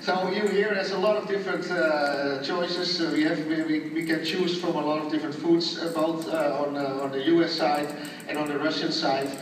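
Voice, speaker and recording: A man, an astronaut, answering students in a friendly, hesitant way with many pauses, heard over a space station radio downlink. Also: a little high, fairly even intonation. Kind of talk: casual explanatory answers. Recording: echoey, distant, noisy radio link.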